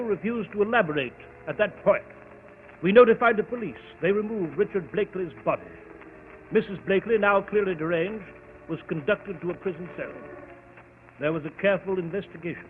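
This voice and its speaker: An actor playing an earnest, fussy, easily flustered doctor sidekick, acting and narrating in a 1940s radio mystery. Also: male voice, sits high, normal speed, lightly acted. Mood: earnest storytelling. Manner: hesitant, fussy, storytelling. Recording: tinny, noisy old 1940s radio broadcast.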